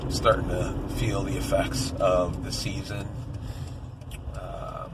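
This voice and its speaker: A man with a gravelly voice and a raw, congested throat, speaking a casual spoken diary. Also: low voice, little pitch movement, slow, recorded from a distance. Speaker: vlogger and stage performer. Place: in a car. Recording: noisy car and street ambience.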